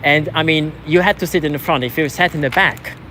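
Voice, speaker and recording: A Swiss man, a vlogger at a protest, chats casually to the camera and his companions on a city street, with faint traffic and street noise behind him. English is not his first language; he learned it after moving to England. His slightly high voice is bright and forceful, a little fast, and conversational, with frequent affirmations.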